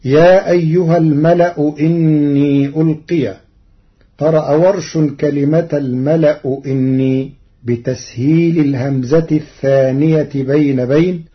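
Husky-voiced man, slow and careful, formal lesson, kinda dull lo-fi sound. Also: fairly high pitch. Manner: measured, deliberate, slows to intone quoted verses. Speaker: presenter explaining Quranic reading variants.

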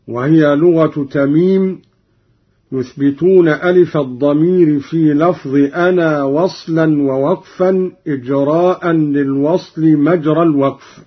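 Male recitation teacher, husky, unhurried explanations with drawn-out recited examples, lo-fi audio. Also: fairly high pitch. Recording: dull lo-fi recording.

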